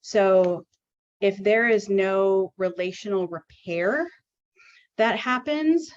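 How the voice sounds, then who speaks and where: A woman's voice: medium pitch, slow. A woman therapist giving an educational webinar talk in a conversational way, full of "you know" and "um". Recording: dull lo-fi webinar audio.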